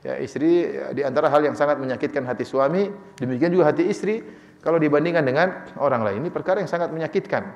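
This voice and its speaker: A man's voice: on the high side, fast, lo-fi sound. A man preaching in a conversational, playful way, answering listeners' questions and acting out short dialogues. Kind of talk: Islamic study sermon with Q&A. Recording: long hall reverb.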